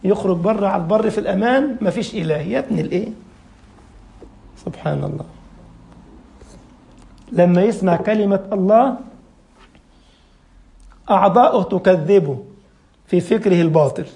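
A man's voice: high voice, lively intonation, normal speed, creaky, pauses often, warm tone. A man with an Egyptian accent preaching a sermon, firing off rhetorical questions and acting out the people he argues against. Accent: Egyptian Arabic.

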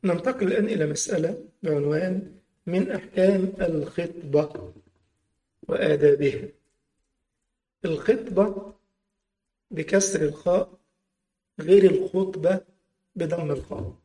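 A man's voice: on the high side, moderate pace, warm tone. A man with an Egyptian accent giving a religious lesson, explaining rulings step by step and repeating key phrases with colloquial asides. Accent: Egyptian Arabic. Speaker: religious teacher. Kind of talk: Islamic jurisprudence lesson. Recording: echoey hall with long reverb.

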